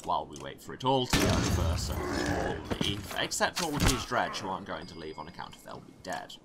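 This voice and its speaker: A man's voice: low-pitched, big pitch swings, fairly quick, very noisy. A man hosting a let's play, reading the story aloud dramatically and adding wry asides. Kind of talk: narrating a story game while playing. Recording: game music under voice. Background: game music.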